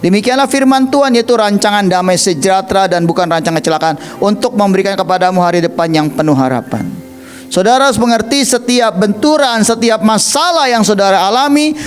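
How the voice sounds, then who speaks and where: A man's voice: high voice, fairly quick, faint music behind. A man with an Indonesian accent preaching a sermon, telling stories animatedly and acting out quoted voices. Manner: animated storytelling, acts out quoted voices, addresses listeners as 'saudara'. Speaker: evangelist preacher.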